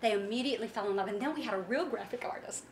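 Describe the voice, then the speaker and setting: A woman's voice: medium pitch, racing. A woman founder of a women's business network, giving a motivational talk to an audience and telling stories with acted-out quotes. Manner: animated storytelling with acted-out quotes. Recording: roomy echo, faint background noise.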